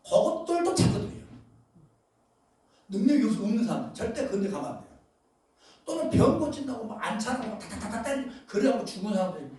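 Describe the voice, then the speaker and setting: A male pastor preaching a sermon, emphatic, with loud bursts and asides, often questioning his congregation. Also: high voice, big pitch swings, fast talker. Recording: very echoey hall, voice far from mic.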